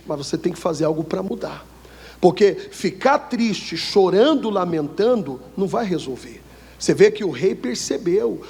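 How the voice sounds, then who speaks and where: A male Brazilian pastor preaching a sermon, often pausing to let the congregation finish his sentences, reading scripture slowly and with emphasis. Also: high-pitched, creaky, a little mellow, slightly rough. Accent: Brazilian Portuguese. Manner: call-and-response questions to the congregation. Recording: echoey hall with long reverb.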